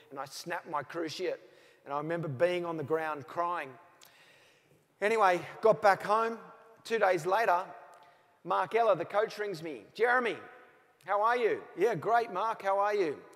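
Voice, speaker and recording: A man's voice: fairly high pitch, steady tone, moderate pace, fairly bright tone. A man in his forties with an Australian accent, giving a motivational keynote speech and telling stories with acted-out phone calls. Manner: storytelling, acts out both sides of remembered phone calls. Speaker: motivational speaker. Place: large hall with audience. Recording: reverberant hall.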